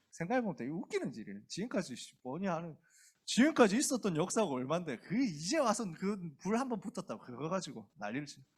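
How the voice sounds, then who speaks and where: Lively storytelling male pastor. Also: fairly high pitch, slightly rough. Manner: colloquial, acts out the characters in the story. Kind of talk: youth sermon, casual storytelling.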